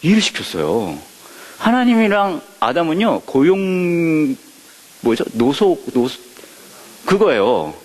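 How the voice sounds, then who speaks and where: A man's voice: on the high side, takes it slowly, in a large hall. A male pastor teaching a Bible study, who keeps asking the audience questions and joking. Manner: lively, asks the audience questions and jokes.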